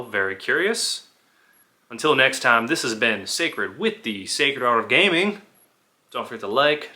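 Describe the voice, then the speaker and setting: A man's voice: medium pitch, pushed and bright. A man hosting his gaming channel, talking casually and rambling through his thoughts, with lots of "like" and restarts as he builds analogies. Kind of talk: casual video commentary.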